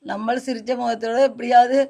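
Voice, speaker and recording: A woman's voice: a little high, little pitch movement, brisk, dark tone. A middle-aged woman with a Sri Lankan Tamil accent, a mother earnestly and plaintively describing her family's hardship at home. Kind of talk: emotional personal account.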